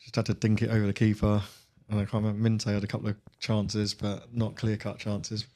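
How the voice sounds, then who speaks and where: A man's voice: fairly low pitch, completely flat delivery, fairly quick, darkish tone. A man, a guest in a casual football chat, talking about the match animatedly and laughing often. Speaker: podcast guest.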